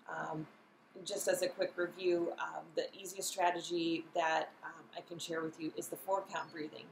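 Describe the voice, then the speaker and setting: A woman school social worker giving a gentle, explanatory wellness lesson to students, with many ums. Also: fairly low pitch, echoey room, a little hiss or hum, poor audio.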